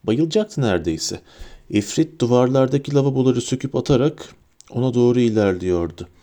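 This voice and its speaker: A man's voice: medium pitch, lively intonation, fairly quick, dark tone. Man giving a dramatic storybook reading. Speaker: audiobook narrator.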